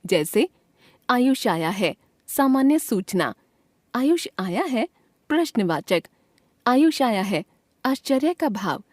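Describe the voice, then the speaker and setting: A woman reads a textbook grammar lesson in a clear, measured delivery. Her voice sits on the high side and moves animatedly as she voices each example sentence with its own expression. The recording is close and dry, with no room sound. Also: darkish tone, no echo. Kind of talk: scripted textbook lesson reading.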